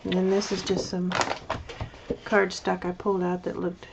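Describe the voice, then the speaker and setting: With candy filling her mouth, a woman rambles through a show-and-tell of her craft project, hesitating and restarting her sentences often. Her voice sits low, creaky and monotone at normal speed, against background noise.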